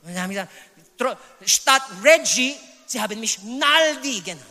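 A man in his fifties from the Philippines with a Filipino accent, preaching a sermon with emphatic, high exclamations. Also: expressive, normal speed, sharp tone, big-room sound. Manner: emphatic preaching, sudden high exclamations, sprinkles English phrases. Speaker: pastor.

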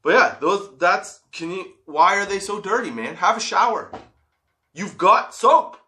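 A man's voice: sits high, lively intonation, moderate pace, sharp tone. A man hosting a casual, comedic solo podcast, stoned and rambling, giggly, drawing out the odd word. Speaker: podcast host.

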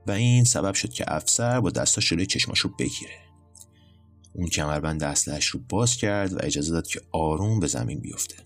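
A man narrating a scripted story in a measured, storytelling manner. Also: rumbling low, creaky.

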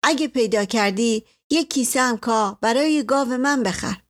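A woman's voice: fairly high pitch, close to an everyday voice. A woman voicing a humble village farmer. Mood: polite.

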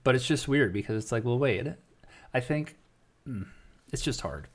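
A man co-hosting a casual podcast chat, giving measured, thoughtful answers. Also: mid-range voice, expressive. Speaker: podcast co-host.

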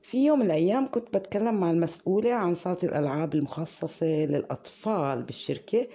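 Husky Levantine woman telling a story. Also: lowish voice, expressive, quick pace, dark tone, soft background music. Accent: Levantine Arabic. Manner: indignant, sarcastic retelling. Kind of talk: personal storytelling.

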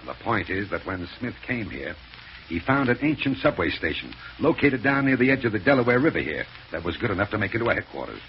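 A fast, bossy radio space villain. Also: male voice, fairly low pitch, sing-song. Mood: impatient, menacing. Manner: commanding, impatient, clipped. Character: bossy, scheming male space villain, adult. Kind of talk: old radio serial acting. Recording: muffled, hissy old radio broadcast.

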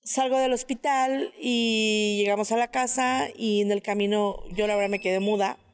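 A woman recounts a personal testimony in a casual storytelling style. She speaks hesitantly and often pauses to search for words. Her voice sits at a middle pitch, and a long reverb lingers behind it. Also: fairly even intonation, smooth. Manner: hesitant, many filler pauses. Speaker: guest sharing a personal testimony.

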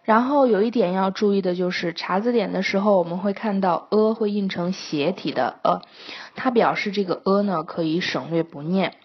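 A woman teaching English pronunciation in a patient, explanatory lesson, pausing often with hesitation fillers. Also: mid-range voice, breathy edge. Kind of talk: scripted lesson narration. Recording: dull lo-fi recording.

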